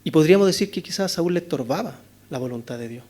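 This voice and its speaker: High-voiced Chilean man preaching. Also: animated, fast talker. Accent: Chilean Spanish. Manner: rhetorical questions, frequent "¿no es cierto?", swings between loud and hushed. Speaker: pastor. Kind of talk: expository sermon. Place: church chapel.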